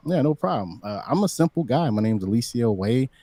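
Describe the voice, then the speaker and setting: Lively talkative man in his thirties. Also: mid-range voice, a little fast, no echo. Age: 30s. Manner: animated, preachy, lots of "you know what I'm saying". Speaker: guest. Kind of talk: casual livestream interview. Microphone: streaming setup under bright lights.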